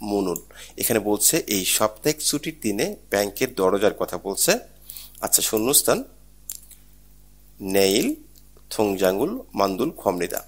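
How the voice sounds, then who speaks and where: A man with a somewhat low voice teaches an exam prep lesson. He goes through each question patiently, repeating key points and asking rhetorical questions before he gives the answer. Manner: explains step by step, repeats and asks rhetorical questions. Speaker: Korean language teacher.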